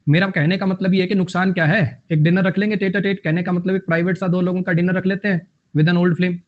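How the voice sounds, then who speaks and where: A man's voice: high-pitched, flat delivery, fairly quick. A young man teaching a vocabulary lesson, repeating phrases and making up jokey memory tricks. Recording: dull lo-fi audio.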